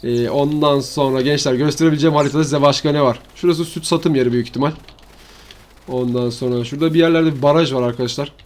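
Fast-talking man narrating gameplay. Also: mid-range voice, fairly even intonation, a little mellow. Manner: rambling, slangy, talks to viewers as "arkadaşlar". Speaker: gaming channel host. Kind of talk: casual gameplay commentary.

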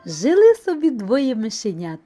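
A woman narrating an audio fairy tale for children in an expressive storytelling manner. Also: on the high side, measured pace, faint music behind.

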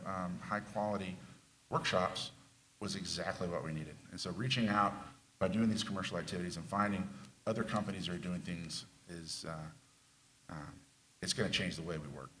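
A middle-aged man speaking on a conference panel into a table mic, explaining things in a measured way. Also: sits low, fairly bright tone, a little hiss or hum, rough recording. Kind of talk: panel discussion. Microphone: table mic on stand.

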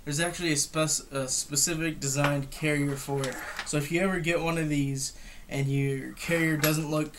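Monotone young man, noisy recording. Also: a little high, normal speed. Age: young adult. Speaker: reviewer of military gear. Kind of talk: casual unscripted product review. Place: room at home, indoors. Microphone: camera across a table. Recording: clearly noisy home recording with clicks.

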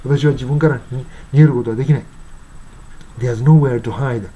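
Mellow-voiced man explaining lyrics. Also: mid-range voice, steady tone, slightly rough, dull audio. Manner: unhurried, halting with frequent fillers; reads English lines slowly and carefully. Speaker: English teacher.

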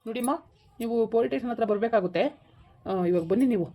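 A woman's voice: a little high, very fast, mellow. A woman voicing a stern, bullying male police officer who scolds and threatens a village wife over the phone in a comedy skit. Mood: officious.

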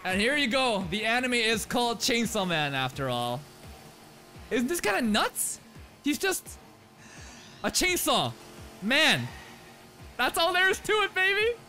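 A young man hosting an anime reaction video, talking casually with slang and swinging between loud outbursts and low muttered asides into a studio mic. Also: big pitch swings, unhurried, long pauses, soft background music. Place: small bright indoor room. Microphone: large studio mic on a boom arm.

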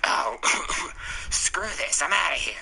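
A young man voicing a sleazy creep who coughs and gags in a comedic mock advert, with a breathy, strained high voice. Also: animated, slow pace, sharp tone, slight background noise, exaggerated voice, low-quality recording. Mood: disgusted. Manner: choking, coughing, breathy whining.

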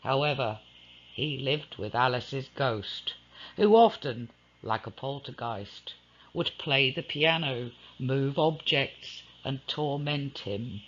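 A man reading a ghost story aloud in a slow, dramatic storytelling manner. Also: medium pitch, expressive, fairly bright tone, dull audio. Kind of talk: scripted ghost-story narration.

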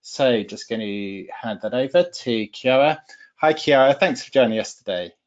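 A man's voice: medium pitch, normal speed. A man hosting a webinar, upbeat and informal as he hands over to his guest. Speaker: webinar host. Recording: dull lo-fi web call audio.

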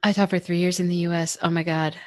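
A woman's voice: on the low side, little pitch movement, fast, a little mellow. A young woman co-hosting a podcast, chatting casually with many fillers and laughs. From United States. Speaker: podcast co-host. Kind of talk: casual chat.

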